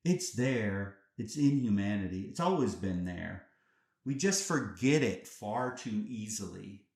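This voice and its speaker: A man delivers a reflective podcast monologue at an unhurried, deliberate pace. His voice sits on the low side, and he leans on rhetorical questions and emphatic phrases. The recording has a roomy echo. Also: expressive, vocal fry, a little mellow. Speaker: podcast host.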